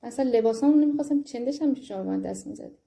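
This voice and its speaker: Gravelly high-voiced woman, indignant. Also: dark tone, reverberant. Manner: indignant, accusing. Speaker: accuser in a confrontation. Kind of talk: heated confrontation.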